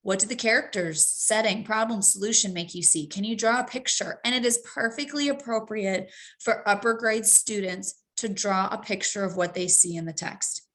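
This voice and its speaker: A woman's voice: medium pitch, moderate pace, fairly bright tone. A woman presenting a professional development talk to teachers, practical and repetitive, with frequent ums. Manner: practical, repeats key points, frequent ums. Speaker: teacher trainer.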